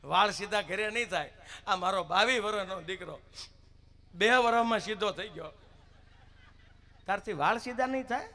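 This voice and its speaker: A man voicing a thrifty old mother-in-law who scolds loudly and emphatically. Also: high-pitched, moderate pace, pauses often. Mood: scolding.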